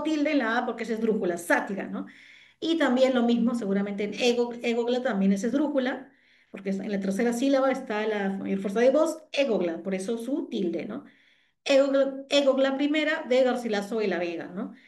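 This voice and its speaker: A woman's voice: on the high side, fairly quick, a little mellow. Woman teacher explaining online. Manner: explanatory, frequent tag questions. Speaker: literature teacher.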